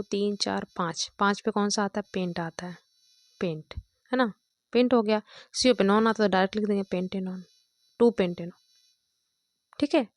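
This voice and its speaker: A woman's voice: medium pitch, dry recording. Woman teacher, patient step-by-step explanation, counts aloud, dry close sound. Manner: counts out loud, checks with "thik hai" and "dekho". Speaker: chemistry teacher.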